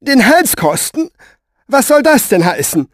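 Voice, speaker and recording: A man voicing a bossy, stout middle-aged woman who fires off loud, breathless questions in an audiobook. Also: big pitch swings, moderate pace, dry recording, studio quality. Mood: indignant. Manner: shrill, breathless, barrages of questions.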